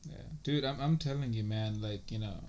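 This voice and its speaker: A man's voice: lowish voice, moderate pace, a little mellow, slight background noise. A man co-hosting a podcast, chatting casually and rambling with lots of swearing and filler words. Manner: rambling, profane, full of "like" and "you know". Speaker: podcast co-host. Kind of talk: casual chat.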